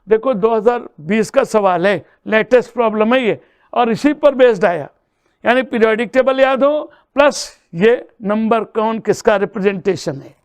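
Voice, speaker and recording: Slow, high-voiced man teaching chemistry. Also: clean tone, no room sound. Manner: addresses students as "beta", checks each step aloud. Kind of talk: exam-prep lesson solving problems.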